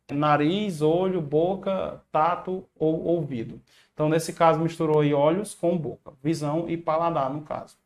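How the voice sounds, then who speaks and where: A Brazilian man with a somewhat high voice teaches an exam-prep lesson. He talks in a casual, encouraging way, dropping slang as he walks through each answer. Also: a little mellow. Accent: Brazilian Portuguese. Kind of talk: online video lesson.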